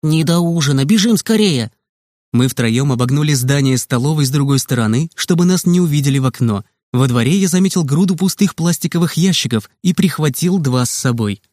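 A man narrating a children's audiobook in a lively, expressive way, recorded close in a dry room. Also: medium pitch, fairly quick, hardly any pauses, no echo.

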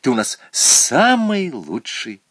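A man voicing a kindly, patient woman who runs a clown school, speaking in a calm, praising tone. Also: mid-range voice, slow, dry recording, clean studio sound, pitched above the performer's own voice, heavily acted. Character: kindly female school headmistress.

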